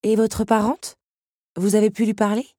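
Female narrator voicing a grand gushing countess, husky edge, dry close sound. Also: mid-range voice, little pitch movement, moderate pace, dark tone, dry recording, pitched above the performer's own voice, natural voice. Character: haughty elegant older countess, grand and gushing.

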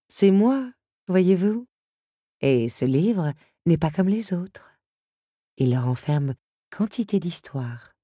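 A woman voicing an excitable, imperious countess hostess, theatrical and gushing. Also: breathy edge, no room sound, studio quality, full character voice. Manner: theatrical, gushing, turns shrill and commanding.

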